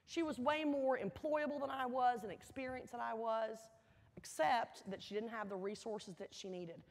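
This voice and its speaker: At a university welcome event, a woman motivational speaker addresses an audience in a large, reverberant indoor hall. Her fairly high voice carries a darkish tone as she tells her story earnestly and emphatically, leaning on key words, repeating herself, and pausing dramatically for effect.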